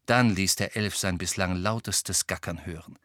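A man reading an audiobook in measured, even scripted narration. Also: deep voice, no room sound, studio quality.

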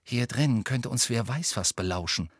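A man's voice: medium pitch, lively intonation, normal speed, slightly rough, no echo, studio quality. A man voicing a wary, tense teenage boy in an audiobook, pointed and uneasy. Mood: murmuring. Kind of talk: audiobook character voice.

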